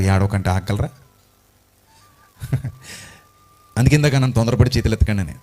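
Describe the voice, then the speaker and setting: A man's voice: mid-range voice, a little mellow. A man preaching an emotional sermon, passionately firing rhetorical questions at his congregation.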